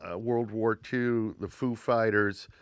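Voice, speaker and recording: A man's voice: lowish voice, takes it slowly, clear, resonant tone, no echo, studio quality. A man hosting a talk show, interviewing a guest and repeating words hesitantly as he frames his questions.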